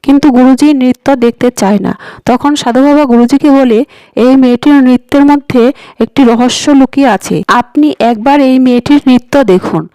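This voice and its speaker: A woman's voice: sits high, moderate pace, warm tone, no echo, poor audio. A woman retelling a TV serial episode, reading every character's lines in the same plain voice. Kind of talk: scripted narration with quoted dialogue.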